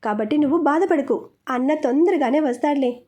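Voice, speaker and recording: A woman's voice: high voice, fairly quick, natural voice. A woman voicing a young woman's caring best friend, who scolds and comforts in turn. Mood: comforting. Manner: fussing, warm scolding.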